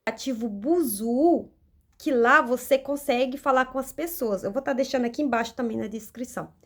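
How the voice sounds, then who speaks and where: A woman's voice: high voice, moderate pace. A young adult woman with a Brazilian Portuguese accent, chatting casually to camera in a vlog, with frequent restarts and asides to her viewers. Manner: chatty, many restarts and fillers, addresses viewers as "gente". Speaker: language-learning vlogger.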